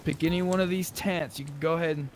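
Speaking fast in a fairly high, steady voice, this man trades casual chat and in-character lines with fellow players during an online roleplay game. Faint noise and game ambience sit in the background.

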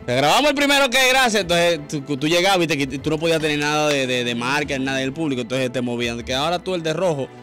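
A man's voice: fairly high pitch, expressive, fast, hardly any pauses, pushed and bright, faint music behind. A male radio host with a Dominican accent, reading gossip news items and joking with his co-hosts in casual chat. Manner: chatty, reads news items then jokes with co-hosts. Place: radio studio.

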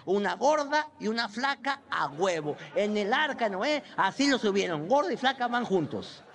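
A young adult man with a Mexican accent telling a crude, animated stand-up story. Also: sits high. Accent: Mexican Spanish. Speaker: stand-up comedian. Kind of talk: stand-up comedy monologue.

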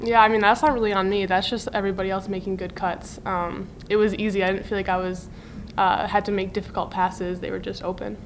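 A woman's voice: medium pitch, level tone, brisk. Casual young female athlete, faint hiss. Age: young adult. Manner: casual, filler-heavy. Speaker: college basketball player. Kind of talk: postgame press conference. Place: press room. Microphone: table mic.

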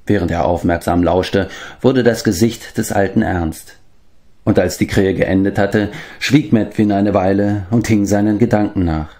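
A man reading a fantasy novel aloud as an audiobook narrator, with calm and even storytelling. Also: low-pitched. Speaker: audiobook reader. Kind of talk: scripted narration.

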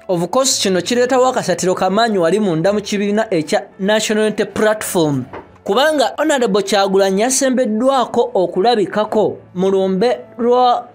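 Ugandan male newsreader, high voice, emphatic delivery, faint music under it. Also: darkish tone. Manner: emphatic, repeats phrases for effect. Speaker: news presenter. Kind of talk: news bulletin voice-over.

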